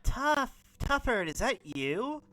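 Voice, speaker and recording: A man voicing a small, excitable teenage cat girl who squeals and gushes. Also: very high voice, slow, voice pushed up, exaggerated voice, poor audio. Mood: shocked delight. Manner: squealing, gushing.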